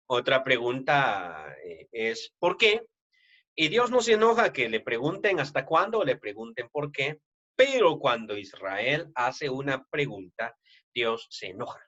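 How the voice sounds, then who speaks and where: A man's voice: medium pitch, pushed and bright, dull audio. A man preaching a sermon in a conversational way, with frequent tag questions and restarts, and a Latin American Spanish accent.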